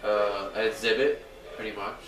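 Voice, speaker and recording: A man's voice: fairly low pitch, fairly even intonation, moderate pace, crowd noise. Man chiming in from a distance. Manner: chimes in with speculative asides. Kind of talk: casual chat. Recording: roomy distant mic with music.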